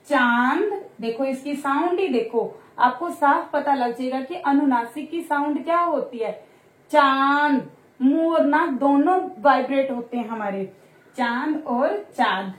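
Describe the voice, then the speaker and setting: A woman teacher explains grammar to young children in a friendly, encouraging way. Her voice sits high and light, and she stretches out example words so the kids can follow. The recording carries a noticeable room echo. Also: moderate pace. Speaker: Hindi teacher. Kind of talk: online grammar lesson for children. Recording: roomy echo.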